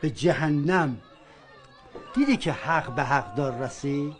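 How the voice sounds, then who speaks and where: An actor playing a mocking customer in a bazaar drama who taunts the seller with laughter. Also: male voice, a little high, animated, some chatter behind, lightly acted. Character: mocking male customer in a coin dispute.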